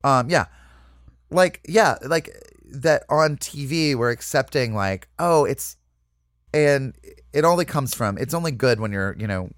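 A man's voice: medium pitch, a little slow, no room sound, clean studio sound. A man being interviewed as a comedic actor, talking in a loose, rambling way full of asides and fillers. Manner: rambling, full of "you know" and "like", lively asides. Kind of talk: casual interview chat.

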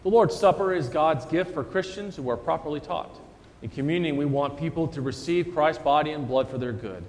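A man's voice: a little high, darkish tone. Solemn man's liturgy in cathedral-like echo. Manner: solemn, measured. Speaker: pastor leading a communion liturgy. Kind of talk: formal liturgical recitation. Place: large church interior. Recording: long cathedral-like echo, church hall.

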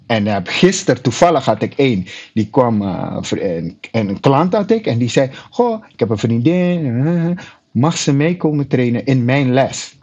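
A husky man with a lively, swooping voice, chatting casually about his work as a personal trainer. He acts out his clients' lines as he tells his anecdotes. The sound is a little dull and lo-fi. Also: medium pitch, measured pace. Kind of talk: casual storytelling chat.

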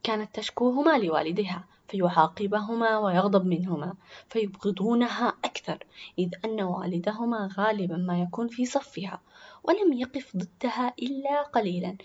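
A woman narrating a children's story in a soft, half-whispered voice. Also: medium pitch, normal speed, husky. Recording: dull lo-fi recording.

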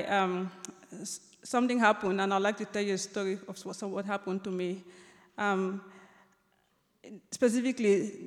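A young woman, an author telling a personal story on stage, with light humor and many ums and restarts. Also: medium pitch. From Cameroon. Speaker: author giving a talk. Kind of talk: storytelling lecture. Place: large lecture hall. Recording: long reverb of a large hall.

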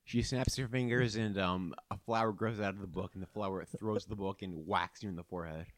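A man improvising narration as game master of a tabletop game, halting as he thinks aloud. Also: low voice, fairly even intonation, no echo.

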